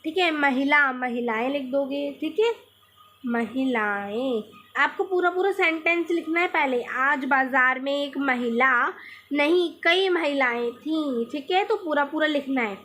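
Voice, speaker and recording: High-voiced woman teaching children patiently. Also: bright, forceful tone, a little hiss or hum. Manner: patient, repeats words slowly while writing. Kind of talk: Hindi grammar lesson for children.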